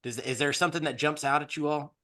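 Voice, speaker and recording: A man's voice: fairly high pitch, steady tone, fast talker, sharp tone. A man co-hosting a podcast, chatting casually and rambling through his points with many restarts. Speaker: podcast co-host. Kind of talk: casual discussion.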